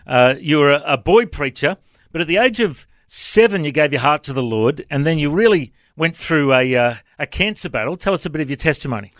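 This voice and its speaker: A man's voice: on the high side, lively intonation, fairly quick, fairly bright tone, no room sound. A man, a pastor hosting a radio interview, encouraging with brief affirmations.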